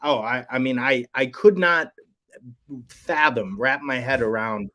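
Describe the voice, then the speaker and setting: A man's voice: medium pitch, a little slow, sharp tone. A man co-hosting a sports betting show, talking in a rambling, hesitant way with many fillers. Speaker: co-host. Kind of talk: casual sports betting chat.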